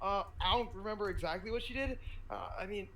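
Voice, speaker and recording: A man's voice: high-pitched, fast, bright, forceful tone, a little hiss or hum, rough recording. A teenage boy co-hosting a podcast, telling a story in a rambling, self-interrupting way with frequent laughs. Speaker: podcast co-host. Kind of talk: casual chat.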